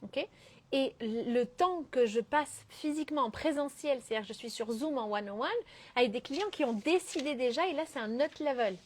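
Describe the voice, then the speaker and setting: High-voiced woman coaching live. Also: normal speed. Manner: mixes English phrases into French; emphatic, keeps asking "ok?". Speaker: business coach. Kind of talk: live-stream coaching talk.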